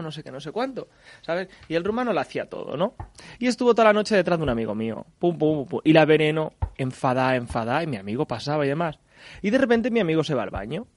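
Lively young man, dry studio. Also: fairly high pitch, no room sound. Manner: animated storyteller, laughs often. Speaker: guest singer. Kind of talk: casual radio chat.

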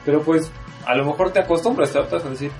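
Soft music plays beneath a fast-talking young man whose voice sits on the high side. With a Mexico City accent, he hosts a podcast, rambling through long, relaxed chat full of laughter.

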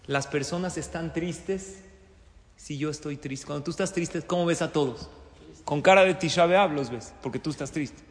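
A man's voice: fairly high pitch, moderate pace. A man teaching a Torah class to live listeners in a hall, often asking them rhetorical questions. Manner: asks the audience rhetorical questions. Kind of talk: religious class lecture. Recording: roomy hall with long reverb.

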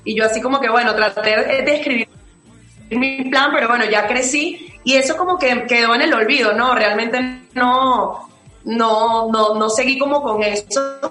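Mujer venezolana de voz algo aguda, en sala con eco. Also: female voice, fairly high pitch, moderate pace, sharp tone, roomy sound, faint music behind, poor audio. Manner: thoughtful, many fillers and restarts. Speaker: singer-songwriter guest. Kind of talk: interview answers.

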